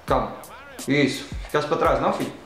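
A man with a European Portuguese accent, playing a football video game and reacting loudly to each play as he talks at it. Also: fairly high pitch, brisk, roomy sound, faint music behind, poor audio. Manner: excitable, talks at the game and the referee, frequent exclamations. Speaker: gaming channel host.

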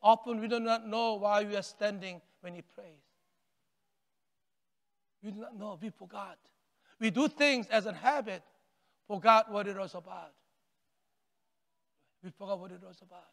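An older man preaching a sermon from a church stage, animated and gesturing, often dropping to a hush on key words and repeating phrases as he builds. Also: high voice, unhurried, vocal fry, pauses often. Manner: animated preaching with wide arm gestures, rising and falling intensity. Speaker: pastor. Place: large church sanctuary, stage with pulpit. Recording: long reverb of a church hall.

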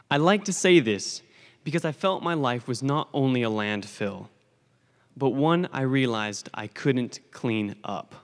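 Teen boy, commencement testimony, earnest storyteller, podium mic in a reverberant gym. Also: medium pitch. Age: teens. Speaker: graduating student speaker. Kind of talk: commencement speech. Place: school gymnasium stage at a lectern. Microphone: podium microphone on a stand. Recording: long hall reverb from a large gym.

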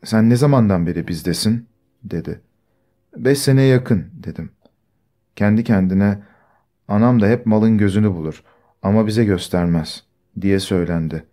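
A wronged young village woman speaks softly and hesitantly in a storybook reading, voiced by a man. The voice sits lowish and mellow, and she keeps her hurt under tight restraint. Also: moderate pace, pauses often, natural voice. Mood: quiet. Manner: quiet, timid, restrained storytelling.

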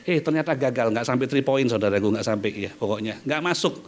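A man preaching a sermon in church, lively and conversational, often calling out to his listeners with playful asides. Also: mid-range voice, fast talker. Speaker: pastor.

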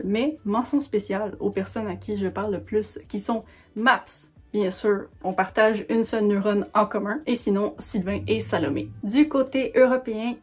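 A young woman with a Québécois French accent talks to her audience in a chatty, upbeat vlog about books. Her voice is a little husky and breathy, sitting at an ordinary middle pitch. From Quebec. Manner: chatty and enthusiastic. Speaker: book vlogger. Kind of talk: casual vlog talk to camera.

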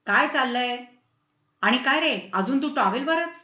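A woman's voice: high-pitched, lively intonation, unhurried, pushed and bright, reverberant, lo-fi sound, full character voice. A woman voicing a stubborn, grumbling middle-aged father in a read-aloud story. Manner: grumbling, irritable.

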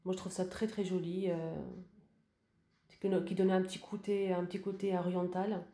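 A woman's voice: on the low side, little pitch movement, moderate pace, mellow, roomy sound. A woman giving a casual home decor tour and showing her purchases, talking hesitantly with many fillers and restarts. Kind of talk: casual voice-over room tour.

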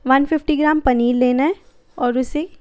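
This cooking channel host gives step-by-step recipe directions in a voice-over, her manner calm and friendly. She speaks at a normal speed, and her voice sits high.

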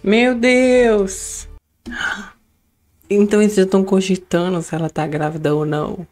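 A man's voice: high voice, steady tone, unhurried, a little mellow. A man hosting a casual reaction video, talking in a dramatic, exclamatory and gossipy way. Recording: faint show music behind.

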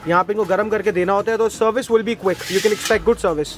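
A man's voice: sits high, fairly even intonation, moderate pace. An Indian man in his thirties hosting a casual street food vlog with an enthusiastic, exclaiming manner, switching between Hindi and English. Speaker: food vlogger and host. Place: outdoors at a street food cart area.

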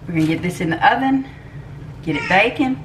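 A woman's voice: on the low side, lively intonation, fairly quick. An older woman, chatting homily as she walks through a recipe in her home kitchen. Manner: homey, chatty, with soft laughs and fillers. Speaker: home cooking channel host. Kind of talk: casual cooking demonstration. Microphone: camera mic across the kitchen. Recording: distant camera mic with background noise.

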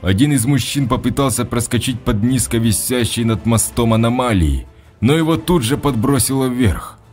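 A man's voice: mid-range voice, moderate pace, darkish tone. Brief: male audiobook narrator, dramatic reading, faint music underneath. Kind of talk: scripted narration.

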